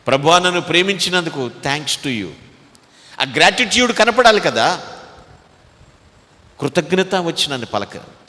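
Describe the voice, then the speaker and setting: Emphatic Telugu pastor preaching in a hall. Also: male voice. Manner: emphatic preaching, swinging between loud exhortation and low asides. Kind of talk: sermon.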